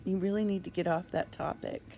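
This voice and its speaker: A woman's voice: lowish voice, fairly even intonation, fairly quick, dark tone, lo-fi sound. A woman talking affectionately to her pet bird in simple, cooing, repeated phrases. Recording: noisy home recording with bird sounds.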